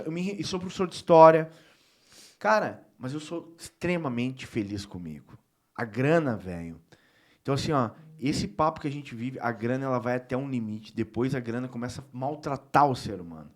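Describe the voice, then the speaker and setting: A man talking as a guest on a talk show, emphatic and heartfelt, loose and informal with the odd swear word. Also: medium pitch. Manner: emphatic and heartfelt, with frequent filler tags. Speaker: guest politician. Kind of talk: casual talk-show conversation.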